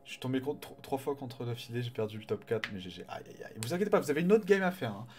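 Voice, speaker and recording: Excitable French-speaking male game caster. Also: medium pitch, fast talker, soft background music. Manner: excitable, chatty, greets viewers, swears casually. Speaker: tournament caster and streamer. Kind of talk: live game commentary.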